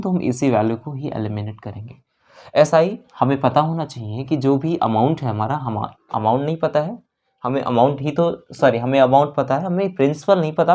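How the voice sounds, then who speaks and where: In a mid-range, darkish voice, an Indian maths teacher works step by step through an exam problem in an exam-prep lesson. Phrases and figures get repeated, English terms are mixed in, and there's frequent checking in with the listeners.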